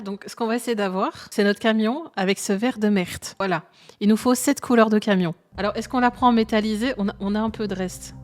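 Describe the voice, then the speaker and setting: A woman with a Belgian French accent, streaming a truck game live and chatting to her viewers with frequent laughter. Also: medium pitch. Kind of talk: live gameplay commentary to chat.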